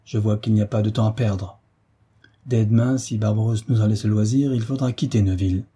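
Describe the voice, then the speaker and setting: A man voicing a bold, quick-tempered young hero giving orders in an audiobook reading. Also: fairly low pitch, fairly even intonation, mellow, slightly rough. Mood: heated.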